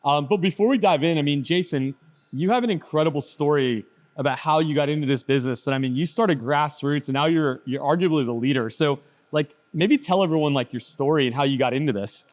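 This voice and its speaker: A man's voice: on the high side, brisk. Upbeat casual male podcast host. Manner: enthusiastic, loose, says "bro" and "dude". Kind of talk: casual interview.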